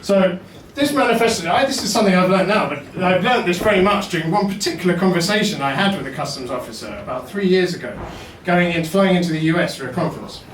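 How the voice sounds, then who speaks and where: A man's voice: sits high, lively intonation, quick pace, few pauses, fairly bright tone, distant mic, slight background noise. A man performing a wry, self-deprecating stand-up comedy set in a basement comedy venue. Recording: roomy echo, mic heard from afar.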